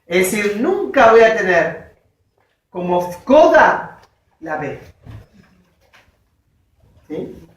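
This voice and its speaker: A woman lecturer walks through her material at an unhurried pace, spelling things out one step at a time. Her voice carries the echo of a classroom and sounds picked up from some distance away. A faint hiss sits under the recording. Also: medium pitch, very animated. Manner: slow, methodical, checks in with students. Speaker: university lecturer. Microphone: distant recorder in the room. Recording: echoey classroom recording from afar.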